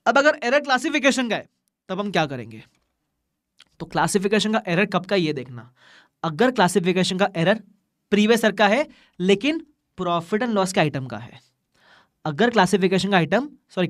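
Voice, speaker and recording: A man teaching an exam revision lecture in Hindi mixed with Indian English, chatty and teasing, asking and answering his own questions. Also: high-pitched. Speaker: accounting teacher.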